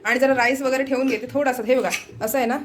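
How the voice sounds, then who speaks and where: A woman's voice: sits high, fairly even intonation, quick pace, noisy background. Chatty Marathi woman home vlogger. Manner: chatty, repeats "look here" while showing things. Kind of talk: casual home vlog narration. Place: home, kitchen and window.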